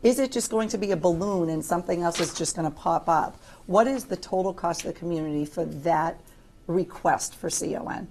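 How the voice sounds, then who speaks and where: An American woman speaking as an insurance executive on a panel, measured and deliberate with a dry touch. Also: on the low side, a little mellow, a little hiss or hum. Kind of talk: panel discussion remarks. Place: conference room panel.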